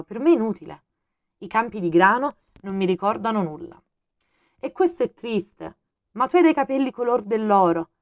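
Una donna che legge la parte di una volpe femmina gentile e saggia, paziente e un po' malinconica, con tono serio e persuasivo, in un audiolibro. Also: female voice, medium pitch, no room sound, dull audio, lightly acted. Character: gentle wise female fox, patient and a bit melancholy.

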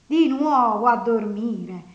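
Narrator putting on a loud scolding servant girl, exasperated and nagging, storybook voice, roomy echo. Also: fairly high pitch, big pitch swings, moderate pace, dull audio. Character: indignant scolding young woman servant.

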